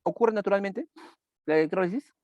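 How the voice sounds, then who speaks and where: A man's voice: high-pitched, fairly quick, no room sound, lo-fi sound. A man teaching a chemistry class online, repeating key points and asking students questions as he goes.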